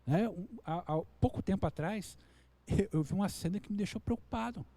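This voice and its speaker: Brazilian pastor guy preaching, earnest, slips into higher voices for people he quotes, kinda high but warm tone. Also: normal speed, no echo. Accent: Brazilian Portuguese. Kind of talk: sermon.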